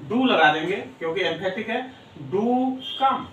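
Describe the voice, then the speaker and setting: A man teaching an English grammar lesson, repeating example sentences slowly and word by word to drill them in. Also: high-pitched, expressive, a bit bright, slight background noise. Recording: echoey room, mic at a distance.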